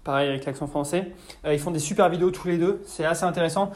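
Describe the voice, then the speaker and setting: A man's voice: a little high, fast, darkish tone. A young man hosting his own podcast, answering listener questions in a chatty, hesitant way with many fillers.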